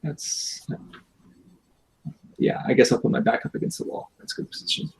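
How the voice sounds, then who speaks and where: A man playing a tabletop game over a video call, talking casually and haltingly with many ums. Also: poor audio. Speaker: player. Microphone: home computer mic on an online video call.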